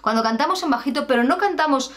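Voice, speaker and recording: Female vocal coach, animated higher voice, chatty and demonstrative. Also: fast. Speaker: singing teacher. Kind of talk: casual singing lesson.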